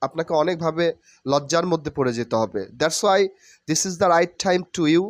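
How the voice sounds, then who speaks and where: Slow earnest man teaching letters. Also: a little high, dry recording. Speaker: English pronunciation teacher. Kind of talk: spoken lesson mixing Bengali and English.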